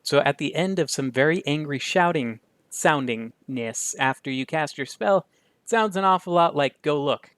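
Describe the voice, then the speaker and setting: A man running a tabletop game as game master, relaxed and thinking aloud. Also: on the high side, moderate pace, smooth, dry recording.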